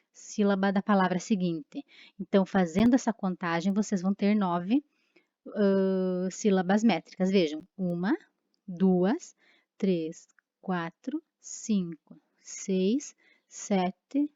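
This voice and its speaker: A woman's voice: medium pitch, darkish tone, no echo, dull audio. A woman teacher giving a recorded lesson, explaining step by step with frequent tag questions and fillers.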